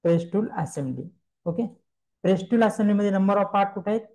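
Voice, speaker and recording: A man giving a screen-recorded software tutorial, explaining step by step and asking himself questions he then answers. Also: high voice, expressive, brisk, low-quality recording. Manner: explains step by step, mixing English terms, repeats questions and answers them.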